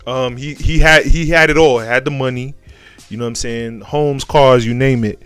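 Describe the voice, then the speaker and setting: A man's voice: medium pitch, steady tone, moderate pace, a bit bright, clean tone, no room sound. American man riffing in slangy, repetitive commentary. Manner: repeats phrases for emphasis, slangy. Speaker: commentary show host. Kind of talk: casual opinionated commentary.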